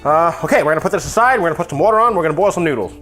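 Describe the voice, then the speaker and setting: Higher-voiced man rambling through casual cooking chat. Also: expressive, very fast, over music. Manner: self-deprecating, rambling, offhand asides. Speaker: host of a comedy cooking video.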